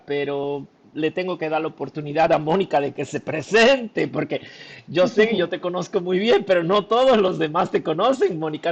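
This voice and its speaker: A man hosts a casual interview over a video call. His voice sits high for a man, and he talks in an effusive, expressive way and laughs often. The sound is slightly dull and lo-fi. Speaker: interview host.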